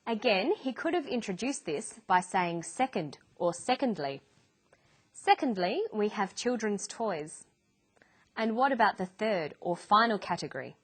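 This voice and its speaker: A woman presents an English lesson at an unhurried, measured pace. Her pitch sits in a middle range, and she delivers each point clearly and deliberately, as in a scripted educational narration. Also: expressive. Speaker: English teacher.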